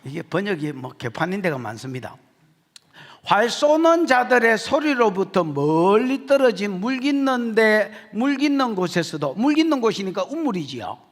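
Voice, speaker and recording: A man preaching with a strong Gyeongsang accent, his voice sitting very high and swinging widely up and down. He teases the congregation with jokes, then drives his points home with shouted emphasis. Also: normal speed. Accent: Gyeongsang Korean. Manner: animated, jokey, shouts for emphasis. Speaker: pastor. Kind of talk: expository sermon.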